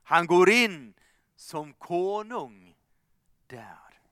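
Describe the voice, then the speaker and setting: A man preaching a sermon with fervour, swinging from loud calls to soft, hushed asides. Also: high voice, animated, clean tone, dry recording, clean studio sound.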